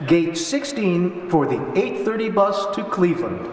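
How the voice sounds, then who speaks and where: Male announcer, high-pitched, formal PA delivery over the intercom, distant and echoey. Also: sing-song, a little slow. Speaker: station announcer. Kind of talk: scripted public address announcement. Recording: echoey hall, public address speaker from afar.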